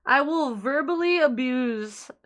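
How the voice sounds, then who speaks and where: Woman streamer chatting, slow drawl, kinda high and bright, crude jokey deadpan. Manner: crude, joking, mock-serious. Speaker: livestream host. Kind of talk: casual chat on a livestream.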